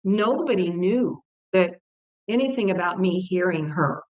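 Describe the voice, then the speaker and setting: A woman's voice: lowish voice, animated, unhurried, darkish tone. An older woman from Texas shares a personal testimony as an interview guest. She tells it earnestly and with feeling, acting out the voices in her story with vivid quoted dialogue. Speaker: guest author.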